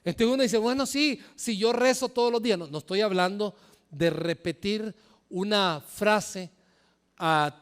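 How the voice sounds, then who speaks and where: High-voiced pastor preaching in a reverberant hall. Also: male voice. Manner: impassioned preaching, sudden loud emphatic rises. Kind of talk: sermon. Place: church hall.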